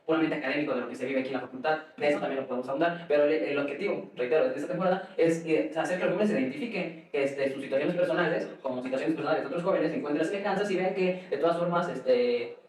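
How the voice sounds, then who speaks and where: A man's voice: fairly high pitch, racing, few pauses, echoey room, recorded from a distance, low-quality recording. A young man hosting a casual student podcast conversation, rambling with many fillers. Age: young adult. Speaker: host.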